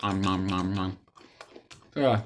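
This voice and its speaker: Rambling young man with a low voice. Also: steady tone, measured pace, slight background noise. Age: young adult. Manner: hesitant, repetitive, with trailing thoughts. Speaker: video diarist. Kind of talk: casual rambling monologue to camera.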